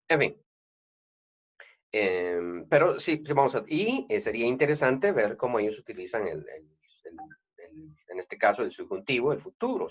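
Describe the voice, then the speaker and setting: A man with a Guatemalan accent giving a video lesson on grammar, explaining slowly with many "eh" fillers and restarts. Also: mid-range voice, muffled recording. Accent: Guatemalan Spanish. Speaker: Spanish grammar teacher.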